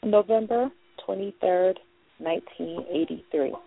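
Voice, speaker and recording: A woman's voice: mid-range voice, a little slow, creaky, breathy edge. A woman in her thirties from Louisiana, calling in and asking hesitantly about her love life. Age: 30s. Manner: hesitant, with many ums. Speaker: caller. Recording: tinny phone line.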